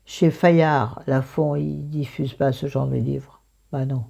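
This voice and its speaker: A woman with a low, creaky voice full of vocal fry talks slowly, as if she has not fully woken up. Her tone is mellow and casual, and she rambles and pokes fun at herself while reviewing. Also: steady tone. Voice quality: croaky morning voice with vocal fry. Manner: self-mocking, digressive, thinking aloud. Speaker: book review vlogger.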